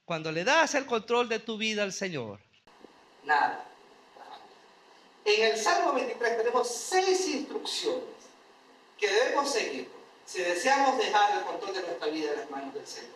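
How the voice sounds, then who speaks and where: A man pastor preaching a sermon in a church, earnestly slowing down on key phrases for emphasis. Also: sits high, sing-song, fairly bright tone, a little hiss or hum. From Venezuela.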